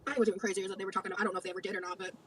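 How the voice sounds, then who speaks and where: Woman co-host, rapid chatty livestream talk, bright edge, light noise behind. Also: medium pitch, level tone. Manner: chatty, rambling, talks while eating. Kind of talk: casual chat on a livestream.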